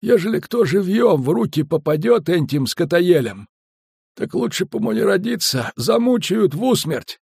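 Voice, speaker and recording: A man's voice: sits high, sing-song, moderate pace, vocal fry, darkish tone, slightly rough, dry recording, clean studio sound, voice pushed up, exaggerated voice. A man reading an audiobook and voicing a chatty rustic barge skipper who rambles folksily. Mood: fearful.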